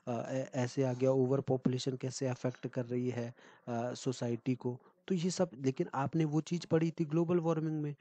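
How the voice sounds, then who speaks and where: A man's voice: medium pitch, dark tone, no echo, poor audio. A man tutoring exam candidates in a casual, chatty lecture, full of fillers and frequent "okay" check-ins.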